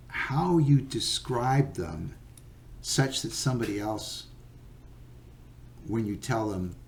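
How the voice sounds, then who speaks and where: Male teacher, slow and lively in pitch, patient, fills pauses with "uh" and "okay". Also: creaky, slight background noise. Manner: patient, unhurried, with many fillers and okays. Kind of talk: recorded geometry lesson.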